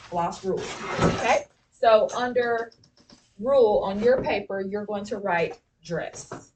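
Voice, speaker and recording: A woman's voice: medium pitch, slow pace, far from the mic. A woman teaching spelling to a class. She keeps prompting with questions and fills the gaps with "okay" and "all right." The mic sits well away from her, and a faint hiss runs under the recording.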